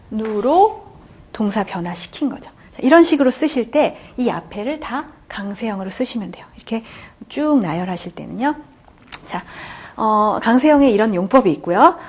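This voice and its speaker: A woman lecturing on grammar, who talks patiently, keeps repeating key points and often checks in with her students. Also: a little high. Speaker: French grammar teacher. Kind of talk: classroom lecture.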